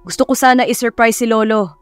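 A woman's voice: on the high side, steady tone, fairly quick, clear, resonant tone, no room sound, faint music behind, lightly acted. A woman voicing a curt, short-tempered young rich man in an audio story. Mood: clipped. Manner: curt, irritated, mixes English phrases.

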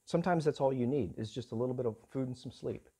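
A man's voice: medium pitch, fast, dark tone, slightly rough. A man preaching a sermon in an earnest manner, his voice rising and falling in volume. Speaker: pastor.

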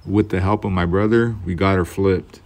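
A man's voice: low voice, steady tone, normal speed, a little mellow. A middle-aged man giving a plain, matter-of-fact voice-over about building his own boat, a little self-deprecating about his mistakes. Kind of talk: casual voice-over narration.

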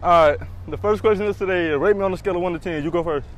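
A man's voice: high-pitched, racing, poor audio. A young man hosting playful, teasing outdoor street interviews, asking cheeky questions in slangy casual talk with a handheld mic. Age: young adult.

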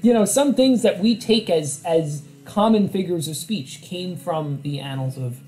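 A man's voice: high voice, measured pace, darkish tone. A man hosting a live poetry stream, chatting casually and rambling with frequent restarts and self-corrections.

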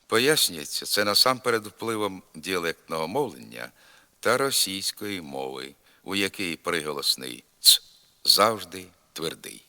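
Man, deep voice, slow precise word drills, reverberant vinyl recording. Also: very animated, bright, forceful tone. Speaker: pronunciation instructor. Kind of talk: scripted pronunciation lesson.

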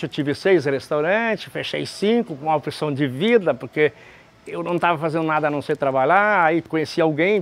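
A Brazilian man, a restaurant owner in his fifties, answering interview questions in a halting way with many restarts, recorded indoors in a large restaurant. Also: a little high. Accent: Brazilian Portuguese. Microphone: camera close framing, seated.

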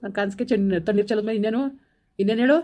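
A woman's voice: mid-range voice, steady tone, warm tone, lo-fi sound, close to an everyday voice. A woman playing a proud, furious village father who scolds harshly in a village comedy skit. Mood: bitter. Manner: harsh, scolding, rapid outbursts.

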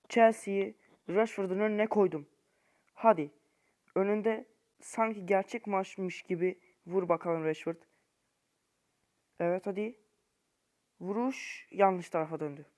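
A young man giving casual gameplay commentary to viewers in an informal, slangy way, swinging between low muttering and frustrated shouting. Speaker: gaming YouTuber.

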